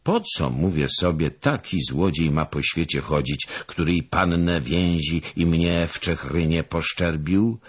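A man's voice: low voice, unhurried, hardly any pauses, breathy edge. A man voicing a naive, eager young servant who tells his tale chattily and rises in surprise. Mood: explaining.

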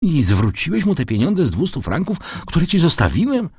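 An earnest young sailor, as a male narrator voices him, pressing and warm-hearted. His slightly raised voice is lively and husky, and it swings widely in pitch. The sound is close and dry. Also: moderate pace, dry recording, full character voice. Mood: anxious. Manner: earnest and urgent. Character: eager young sailor son, earnest man.

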